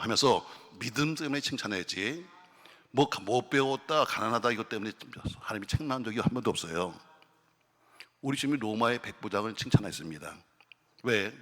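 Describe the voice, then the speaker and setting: A male pastor preaching to a congregation, his slightly low voice carrying a bright, forceful edge. He keeps it conversational and asks his listeners question after question. A long reverb trails each phrase in the large chapel. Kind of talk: sermon. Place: prayer retreat chapel.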